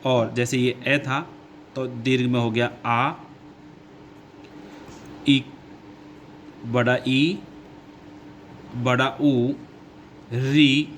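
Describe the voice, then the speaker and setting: A man teaching a grammar lesson who goes slowly, repeats his points and asks his own questions before answering them. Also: mid-range voice, level tone, a little hiss or hum. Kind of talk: classroom lesson explaining grammar.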